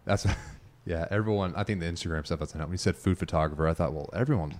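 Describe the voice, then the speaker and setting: A man hosts a casual interview, very deep-voiced and quick. He talks in a chummy, loose way, dropping "man" and "like" into his questions. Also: steady tone.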